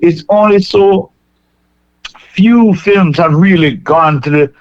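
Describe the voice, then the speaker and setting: A Jamaican man calling in to a radio show, speaking earnestly and in a measured way. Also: high-pitched, no room sound. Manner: earnest, measured, thinks aloud with restarts. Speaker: caller. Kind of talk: phoned-in call to a radio show. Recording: dull phone line.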